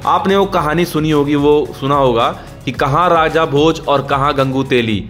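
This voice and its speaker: Young male vlog narrator, relaxed history voice-over, soft music bed. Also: on the high side, normal speed. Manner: informal storytelling, addresses viewers as friends. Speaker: vlogger narrating.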